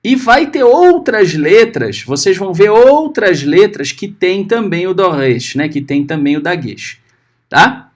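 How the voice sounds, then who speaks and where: A man teaching a Hebrew class. He is patient, checks often that his students are following, and sounds out letters and syllables slowly. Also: sits high, lively intonation. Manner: patient, often checking understanding with short tags. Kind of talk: recorded class lesson.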